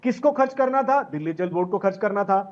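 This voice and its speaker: A man's voice: high-pitched, expressive, quick pace, highs cut off. A man speaking as a party spokesperson in a heated panel debate, insistent and accusatory, piling up rhetorical questions and repeated lists.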